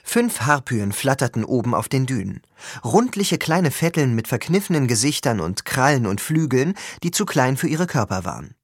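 A man reading a first-person story aloud as an audiobook, with expressive, lively storytelling. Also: mid-range voice, normal speed, slightly rough, dry recording, studio quality. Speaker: audiobook reader.

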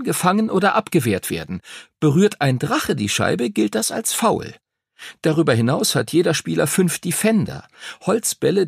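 A man's voice: fairly high pitch, gravelly, breathy edge, no room sound, studio quality, pitched above the performer's own voice, exaggerated voice. A man voicing a know-it-all young boy pupil who explains things eagerly.

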